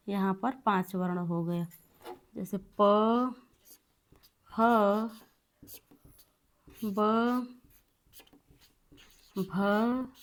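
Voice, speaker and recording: Female Sanskrit teacher, unhurried and repetitive, thinks aloud while writing on a board. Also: medium pitch, a little mellow. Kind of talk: board lesson with recitation.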